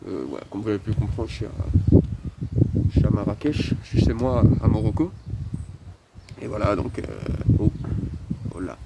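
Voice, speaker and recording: A man speaking through a face mask in a casual, rambling vlog, with a halting, wry, grumbling delivery. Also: on the low side, gravelly. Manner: halting, hesitant, wry grumbling with mild swearing. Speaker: video creator talking to followers. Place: outdoors by a roadside bus stop. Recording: loud outdoor street and vehicle noise.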